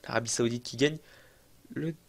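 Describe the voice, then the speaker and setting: Young guy narrating his football sim playthrough, chatty, gets excited, laughs at himself. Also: mid-range voice, normal speed, creaky. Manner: chatty, excitable, self-mocking, thinks aloud. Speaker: gaming YouTuber. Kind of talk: casual let's-play commentary.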